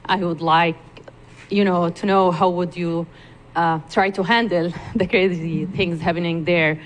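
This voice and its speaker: A woman's voice: on the low side, steady tone, unhurried, rough recording. A woman from Palestine asking a candidate a question from the audience, hesitant, with fillers. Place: event room with audience. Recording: faint room noise.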